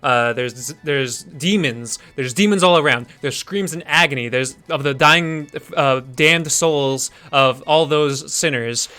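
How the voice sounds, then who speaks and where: A man's voice: on the high side, unhurried, hardly any pauses, pushed and bright. A man improvising a goofy story while streaming a game, rambling with lots of restarts and fillers.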